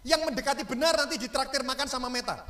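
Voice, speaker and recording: A male pastor, preaching a lively sermon and joking with the congregation and asking them questions. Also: very high-pitched, fast. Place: church. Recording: echoey church hall.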